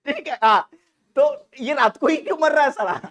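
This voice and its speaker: A man's voice: very high-pitched, moderate pace. A man teaching a nursing exam class online, joking and teasing his students for laughing. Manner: animated, laughs often.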